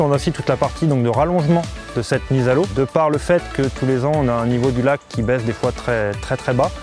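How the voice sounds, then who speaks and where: A man giving an informal explanatory presentation to camera as a fishing representative. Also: medium pitch. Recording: music bed behind the voice.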